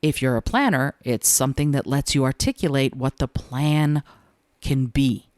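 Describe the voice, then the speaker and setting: A woman with a notably low voice hosts a solo podcast, speaking in a measured, deliberate way and leaving room for pauses. The sound is dry and close, with no room around it. She talks like a coach giving advice. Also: steady tone, a little mellow, no echo. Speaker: podcast host and communication coach.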